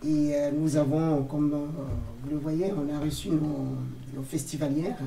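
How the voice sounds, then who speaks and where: Man, gravelly, dark tone, festival organizer, halting, far off in a roomy space. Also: a little high, steady tone, a little hiss or hum. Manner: slow, halting delivery. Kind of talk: interview answers. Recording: roomy, distant from mic.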